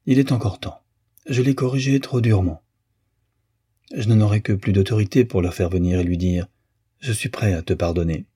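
A man's voice: low voice, mellow, husky, no echo, clean studio sound. A man voicing a stern, wrathful older male lawyer who hammers out his indignant words. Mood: softening.

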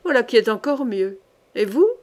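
A woman's voice: a little high, lively intonation, normal speed, close to an everyday voice. A merry old king, as a woman reads him. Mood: delighted. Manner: exclaiming, laughing loudly. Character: jovial mad old king, delighted.

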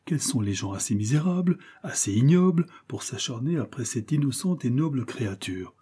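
A man voicing an impassioned young male avenger with a husky voice and declamatory delivery. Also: medium pitch, moderate pace, dark tone, close to an everyday voice. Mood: indignant. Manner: declamatory, rising to vehement cries. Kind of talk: audiobook character reading.

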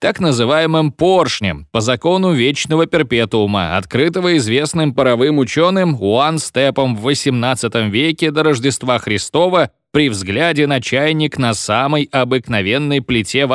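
A man voicing a pompous, bossy old professor who lectures and shouts orders at his class. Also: medium pitch, lively intonation, moderate pace, hardly any pauses, dry recording, clean studio sound, close to an everyday voice. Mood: lecturing. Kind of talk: audiobook reading.

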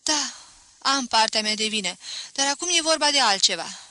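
A sad, firm young woman, as a female reader puts her on presses her words with urgent pleading. The voice is very bright and sharp, recorded dry and close. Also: on the high side, expressive, dry recording. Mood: earnest.

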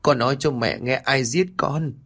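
A man's voice: medium pitch, moderate pace, vocal fry, fairly bright tone, voice pushed up. A man voicing a grieving old mother who pleads, choked with sobs, for her dead daughter. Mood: grief-stricken.

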